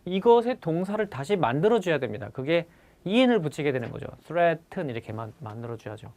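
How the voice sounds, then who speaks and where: A man teaching English vocabulary for civil service exams in a recorded lecture, repeating key words slowly and addressing his students. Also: a little high, big pitch swings. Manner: stresses the English words, then lets the Korean explanation trail off quietly.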